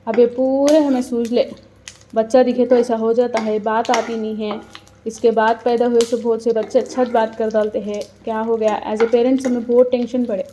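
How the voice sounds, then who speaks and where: A woman's voice: on the high side, warm tone, a little hiss or hum. A woman with a Hyderabadi accent telling a personal story in a casual, earnest way, acting out what people said. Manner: earnest, chatty, quotes people aloud. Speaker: mother telling her story.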